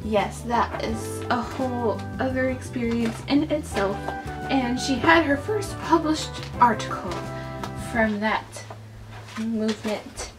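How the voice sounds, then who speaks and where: A young woman talks through a casual voice-over in a slightly high, unhurried voice. She is playful and pokes fun at herself, sometimes slipping into hushed asides. Background music plays clearly under her words. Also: low-quality recording. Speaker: vlogger.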